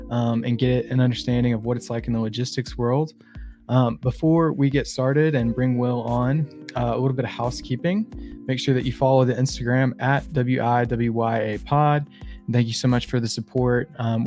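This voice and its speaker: A young man hosting a casual podcast, talking in a relaxed way with lots of fillers. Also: mid-range voice. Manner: relaxed, filler-heavy, friendly. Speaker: podcast host.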